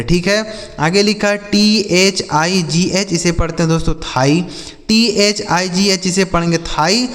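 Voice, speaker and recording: In a slow, spelled-out vocabulary lesson, a man with a high-pitched voice teaches English words letter by letter, going over each meaning several times. The recording has a big-room sound.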